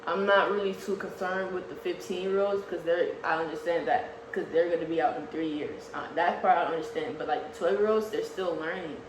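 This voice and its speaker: Co-hosting a laid-back vlog, a woman in her early twenties earnestly argues a point on camera, often stumbling and starting over. She speaks in a fairly low, steady voice, a little fast with few pauses, and the echoey room carries a faint hiss.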